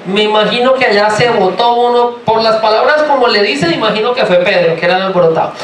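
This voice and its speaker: A man from Colombia with a Colombian accent, preaching a sermon in a lively, joking way and asking the congregation many rhetorical questions. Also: sits high, quick pace, slight background noise. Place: church sanctuary. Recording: roomy, from far off, faint ambience.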